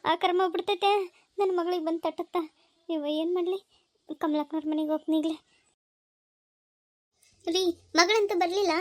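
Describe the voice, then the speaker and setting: An anxious village mother, North Karnataka accent, very high voice, dry close sound, emotional and scolding. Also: steady tone, moderate pace, pauses often, no echo. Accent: North Karnataka Kannada. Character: anxious village mother, middle-aged woman. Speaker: village women in a family drama. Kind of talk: village comedy-drama acting.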